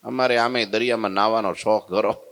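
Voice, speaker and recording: A man voicing a calm male spiritual master who gently teases his challenger. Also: lowish voice, smooth. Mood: calm teasing. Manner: unhurried, gently mocking.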